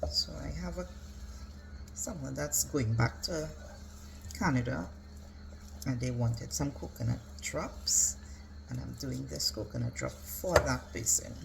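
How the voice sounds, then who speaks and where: A woman's voice: rumbling low, sing-song, measured pace, creaky, pauses often, background noise. A woman giving a casual, step-by-step cooking demonstration as a home cook. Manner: instructional, step-by-step. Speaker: home cook presenting a recipe.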